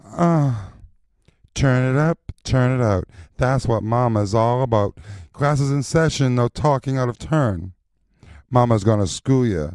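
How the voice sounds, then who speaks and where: A man performing recorded voice lines as a sassy, confident drag mother teaching a class, in a slow rhythmic chant with sultry stretched endings. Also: mid-range voice, a little mellow, dry recording, studio quality, close to an everyday voice.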